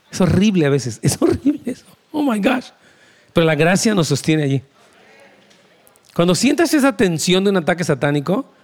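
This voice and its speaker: A man, preaching a conversational, emphatic sermon as pastor, with asides to the congregation. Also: a little high.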